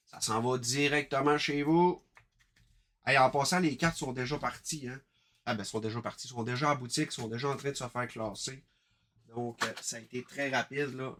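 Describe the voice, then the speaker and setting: A man with a Quebec French accent hosting a live card-break stream, chatting briskly and calling out each card as he opens packs. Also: medium pitch, sharp tone, slight background noise.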